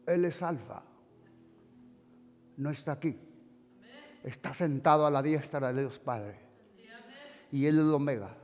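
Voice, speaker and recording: A male pastor preaching a fervent sermon in a church, swinging between shouts and hushed storytelling. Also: on the high side, a little slow, long pauses, in a large hall.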